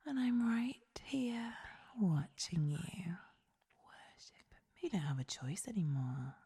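A woman voicing a seductive, domineering goddess in an adult whispered role-play, with a breathy, creaky goddess voice and a commanding, sensual manner. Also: on the low side, big pitch swings, takes it slowly, dark tone, heavily acted.

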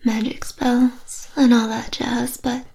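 Woman doing a flirty witch hypnotist for ASMR roleplay, higher whispered voice, unhurried delivery. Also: little pitch movement, creaky. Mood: coaxing. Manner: soft whispering, slow repetitive coaxing.

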